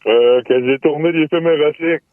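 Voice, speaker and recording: Anonymous male caller, voice disguised by a modifier, Québécois accent, halting delivery, heard over a phone line. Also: a little high, no echo. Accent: Québécois French. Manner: hesitant, many filler sounds. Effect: disguised, electronically altered voice. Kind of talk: radio call-in confession. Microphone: telephone.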